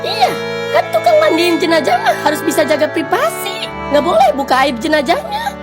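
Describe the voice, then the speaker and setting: A woman's voice: very high-pitched, wildly swooping pitch, fairly quick, heavily acted. A woman voicing an easygoing village shopkeeper man, teasing and gossipy, in a school cartoon. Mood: casual. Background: background music.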